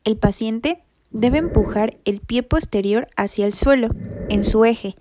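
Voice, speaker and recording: A woman giving a scripted, methodical narration for a rehabilitation lesson, reading anatomy terms in an even voice-over. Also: fairly high pitch, unhurried, slight background noise. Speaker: rehabilitation instructor.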